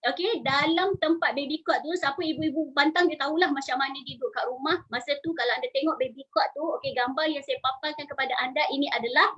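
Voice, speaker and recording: A woman in her forties with a Malaysian Malay accent, a salon owner giving an energetic live-stream talk and urging her viewers to join in, with English phrases mixed in. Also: high-pitched, muffled recording. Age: 40s. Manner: energetic, urges the audience, mixes in English phrases.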